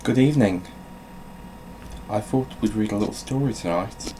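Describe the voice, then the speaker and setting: A gaming channel host with a lowish voice speaks at a moderate pace over a noisy background. Dry and self-mocking, he shifts between theatrical storybook reading and casual, sweary rambling.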